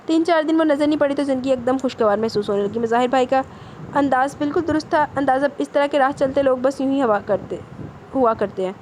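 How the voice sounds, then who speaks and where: A woman narrating a romance novel in a steady reading voice. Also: sits high, slight background noise, poor audio.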